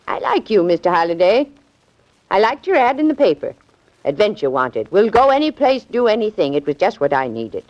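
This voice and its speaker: An actress playing a brusque, eccentric, suspicious older spinster in a 1940s radio drama. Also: female voice, medium pitch, sing-song, normal speed, darkish tone, close to an everyday voice. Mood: brisk, approving. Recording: muffled vintage radio recording.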